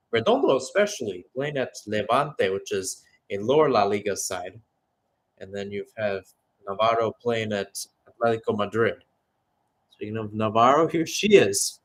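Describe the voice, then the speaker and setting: Here a man calls football play-by-play live in radio style, pitched in the middle range. Between bursts of action he turns conversational, thinking out loud.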